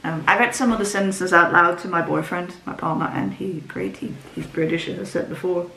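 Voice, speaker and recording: Talking books to camera in a loose, rambling way, this woman, a book vlogger whose first language is Dutch, fills her speech with ums and restarts. She has a fairly low, gravelly voice with a sharp tone, fairly even intonation and a fairly quick pace. There's a roomy echo, faint ambience and slight hiss or hum.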